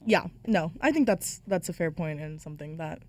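A woman's voice: sits low, lively intonation, normal speed, darkish tone. A young woman hosting a casual sports podcast, chatty and full of "like". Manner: chatty, many fillers like "like". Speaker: podcast host.

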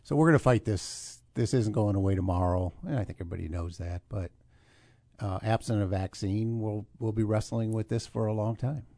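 A male interviewer with a low, gravelly voice asks his questions in a relaxed, casual way. His tone is warm and mellow, and the sound is dry. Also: a little fast, no room sound. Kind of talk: conversational interview.

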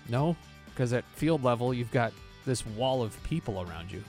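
A man's voice: mid-range voice, lively intonation, moderate pace, darkish tone, soft background music. A man telling things casually as a panelist on a sports radio show. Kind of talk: casual postgame chat.

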